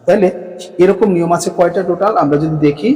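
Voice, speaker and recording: A man's voice: high-pitched, fast talker, warm tone, long reverb tail, low-quality recording. A Bengali-speaking man teaching an Arabic grammar class. He asks questions and then answers them himself.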